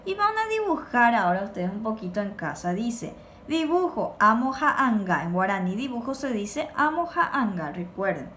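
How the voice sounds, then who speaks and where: Woman teaching kids on a recording, fairly high voice, drills words slowly, faint noise behind. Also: very animated, fairly bright tone. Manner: slow, clear drilling of words for repetition. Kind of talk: recorded remote lesson for children.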